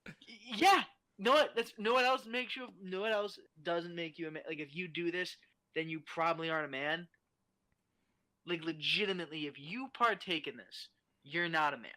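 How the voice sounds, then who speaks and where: Young man, casual podcast guest, profane animated rants, fairly high bright voice. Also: normal speed.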